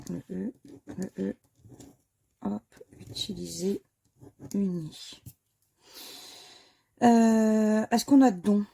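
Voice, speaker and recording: A woman's voice: medium pitch, very slow, creaky, long pauses, warm tone, husky. A woman who talks casually to her viewers while scratching lottery tickets, spelling out letters one by one and muttering under her breath between them. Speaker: scratch-card vlogger.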